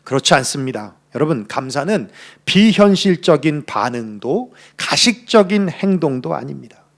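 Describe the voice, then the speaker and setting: A man's voice: a little high, animated, normal speed, gravelly. A man pastor giving a Sunday sermon, earnest, building to emphatic peaks. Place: church.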